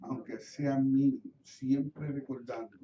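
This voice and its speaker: Puerto Rican pastor preaching in an echoey church. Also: male voice, mid-range voice, fairly even intonation, takes it slowly, warm tone, a little hiss or hum. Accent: Puerto Rican Spanish. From Puerto Rico. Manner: storytelling, acts out his own prayers, asks the congregation questions. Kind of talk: sermon. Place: church sanctuary. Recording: roomy church sound from a distant mic, slightly dull.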